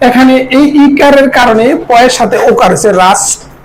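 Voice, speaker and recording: Woman teacher, higher voice, patient lesson delivery, sounds out words syllable by syllable; faint room noise. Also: low-quality recording. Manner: slows down to sound out each word carefully. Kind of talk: grammar lesson.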